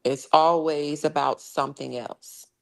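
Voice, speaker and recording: A woman with a very low voice co-hosts a casual gossip livestream. She presses her points with emphasis and says them twice over. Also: steady tone, measured pace, gravelly. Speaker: co-host.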